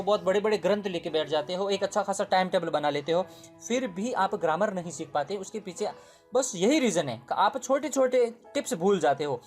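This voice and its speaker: In a casual spoken English grammar lesson, a high-pitched man repeats his points, checks in with listeners, and corrects himself mid-sentence.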